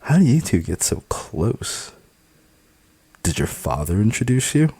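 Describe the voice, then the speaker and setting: A flirty, scheming show host acted by a man pushes and teases in a sing-song way. The voice is husky and low, and the reading is dry and close. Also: sing-song, a little slow, mellow, no room sound, exaggerated voice. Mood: teasing, cheeky. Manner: teasing, sing-song, pushy.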